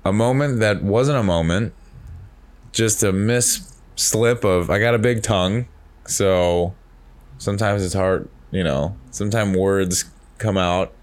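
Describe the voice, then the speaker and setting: A man's voice: lowish voice, unhurried. A man hosting a podcast, talking in a rambling, reflective way with many restarts. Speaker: podcast host. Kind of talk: casual chat.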